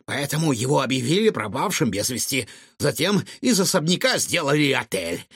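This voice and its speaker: A man voicing an excitable bearded male cook who blurts out indignant outbursts. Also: medium pitch, normal speed, husky, no echo, studio quality, full character voice. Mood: explaining.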